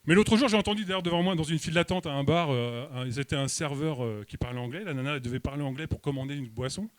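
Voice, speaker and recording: On a comedy club stage, a French-accented man performs stand-up, delivering his jokes with deadpan, mock-serious hesitation. His voice is a little high and his pace quick, with no echo.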